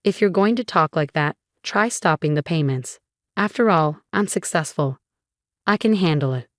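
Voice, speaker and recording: A woman's voice: sits low, expressive, normal speed, dry recording, clean studio sound. A woman voicing an arrogant young man who speaks rudely and demands money from his mother. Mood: smug. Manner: rude, demanding. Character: arrogant young groom, cold son.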